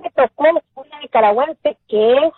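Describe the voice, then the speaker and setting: A woman's voice: sits high, normal speed, husky, no echo, phone-quality sound. A woman from Honduras, calling a radio show and speaking bluntly and proudly. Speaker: caller.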